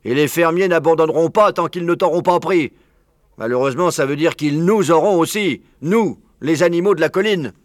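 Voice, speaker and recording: Man playing a fretful old badger, storybook reading, high and loud, dry close sound. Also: normal speed, dry recording, close to an everyday voice. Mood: agitated. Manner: excited, shouting, agitated.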